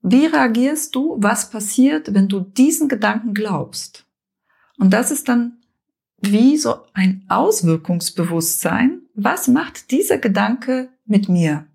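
A woman coach with a gravelly, slightly husky voice walks through her method in calm, measured steps. She speaks in short phrases with frequent pauses, explaining rather than performing. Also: on the high side. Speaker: coach and mediator.

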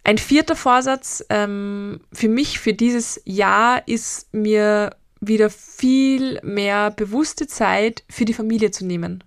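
A woman's voice: a little high, dry recording, studio quality. Rambling Austrian woman in her twenties. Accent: Austrian German. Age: 20s. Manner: rambling and personal, with frequent hesitations. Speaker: mental coach and podcast host. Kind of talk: reflective solo podcast talk.

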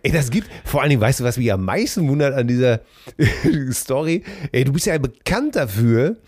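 A man's voice: mid-range voice, sing-song, moderate pace, darkish tone, no echo. A man co-hosting a casual chat, chiming in with short dry remarks. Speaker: co-host.

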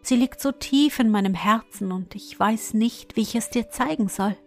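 A woman's voice: a little high, normal speed, faint music behind, close to an everyday voice. A woman doing a shy, timid young princess. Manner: soft, timid.

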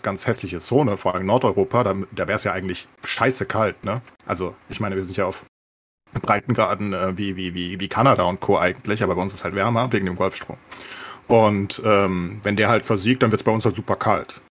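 A fairly low-voiced man talks very quickly with a steady, slightly bright tone. As a podcast co-host chatting casually, he explains things in a loose, rambling, colloquial way, mixing in English slang.

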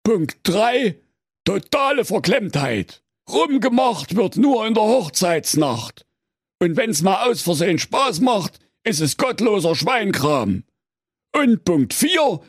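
A man's voice: high-pitched, sing-song, slow, husky, dry recording, studio quality, exaggerated voice. A man voicing a naive, muddled fairy-tale brother who rambles and bumbles through his complaints. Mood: bumbling.

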